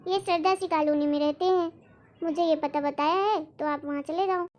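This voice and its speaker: Kindly old temple priest , voiced by a woman: calm, helpful, high-pitched. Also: moderate pace.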